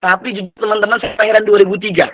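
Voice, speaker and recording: A man's voice: high-pitched, level tone, rapid-fire, fairly bright tone, no room sound, low-quality recording. A man in his twenties from Lampung, Indonesia, giving an earnest motivational talk to an online community, repeating phrases and mixing in Islamic expressions. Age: 20s. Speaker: motivational speaker.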